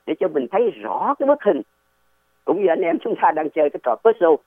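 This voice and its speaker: Man, casual explanatory talk, rambling, lively swooping pitch, tinny phone line. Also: a little fast, no room sound. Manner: rambling, digressive, rhetorical questions.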